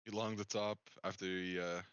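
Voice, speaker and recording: Low, bright-edged laid-back stream host. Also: male voice, level tone, normal speed, smooth, no echo, muffled recording. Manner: laid-back, laughs often, filler-heavy "like" and "man". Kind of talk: casual chat on a live stream.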